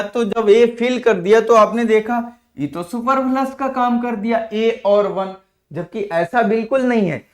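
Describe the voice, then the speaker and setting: A male teacher with a notably high voice, patiently explaining grammar rules and addressing his students fondly. The sound is roomy and echoey, as if from a classroom. His pace is steady and instructive.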